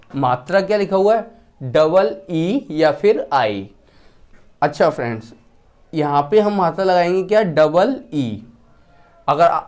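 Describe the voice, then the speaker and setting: A man teaching a lesson. He asks questions, answers them himself, and repeats the key words slowly with a falling pitch. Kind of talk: classroom-style lesson.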